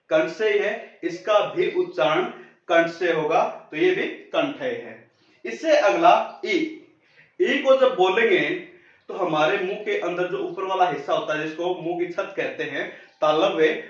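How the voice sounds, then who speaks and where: A man teaching grammar in a lecture, explaining step by step and answering his own questions. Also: high-pitched. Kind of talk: classroom-style lecture. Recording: very echoey room, dull sound.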